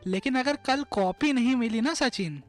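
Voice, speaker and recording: A man's voice: very high-pitched, normal speed, faint music behind. A man voicing a strict but teasing female school teacher who scolds a pupil. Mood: scolding. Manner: stern, scolding.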